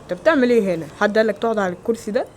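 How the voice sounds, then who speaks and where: A man with an Egyptian Arabic accent acting several everyday roles in a homemade skit, with quick, exclamatory lines. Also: high voice, a little hiss or hum, natural voice. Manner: quick, loud, exclamatory dialogue. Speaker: amateur actor.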